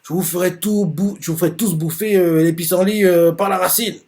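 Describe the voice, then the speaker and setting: Man reading out a proud, intense young male wizard, pitched up and fervent. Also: steady tone, brisk, darkish tone, natural voice. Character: arrogant young male wizard, devoted to his father.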